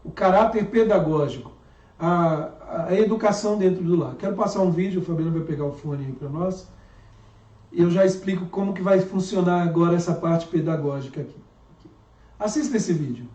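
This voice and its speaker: A man's voice: high-pitched, brisk, mellow, roomy sound, distant mic, lo-fi sound. A male pastor giving a casual talk to parents, chatty and telling home anecdotes.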